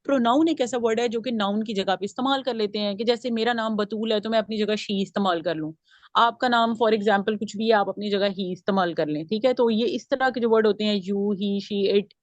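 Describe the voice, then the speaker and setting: A woman's voice: medium pitch, fairly quick, dry recording, muffled recording. A woman teaching a grammar class, explaining step by step and putting questions to her students. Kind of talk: classroom lesson.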